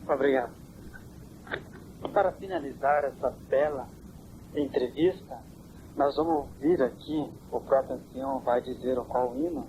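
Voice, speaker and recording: Interviewer, man, formal and courteous, heard on worn old cassette tape with steady hiss. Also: medium pitch, dull audio. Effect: hissy, worn old cassette tape. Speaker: priest interviewer.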